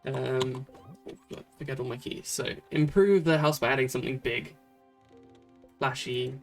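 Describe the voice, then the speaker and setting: A chatty streamer from Britain talks through a cozy game at a desk mic, thinking aloud with plenty of ums and restarts. The voice sits at an ordinary middle pitch. Faint game music and keyboard taps run behind. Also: steady tone, unhurried, gravelly. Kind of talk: casual gameplay commentary.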